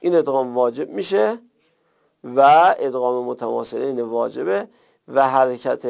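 Gravelly-voiced man teaching grammar. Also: on the high side, darkish tone, dull audio. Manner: explanatory, asks and answers his own questions. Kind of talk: recorded classroom lesson.

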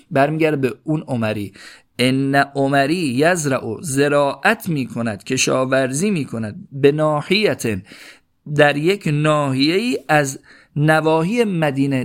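Man, grammar teacher, gravelly voice, slightly high pitch, slow reading then fast explaining. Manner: reads an Arabic phrase slowly, then explains its grammar in quick colloquial speech. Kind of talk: line-by-line Arabic text parsing lesson in Persian.

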